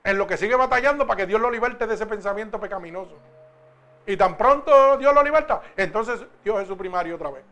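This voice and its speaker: Preacher guy, really high bright voice, chatty with the church, slows way down for scripture. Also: animated, soft background music. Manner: conversational preaching, asks the congregation questions; slow, emphatic when reading scripture. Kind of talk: sermon.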